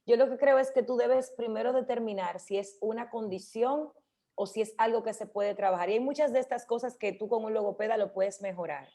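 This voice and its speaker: A woman hosts a casual radio talk. She explains speech habits, often pausing to say difficult words slowly and clearly. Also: fairly high pitch, warm tone. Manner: explanatory, slows down to demonstrate words. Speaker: radio host.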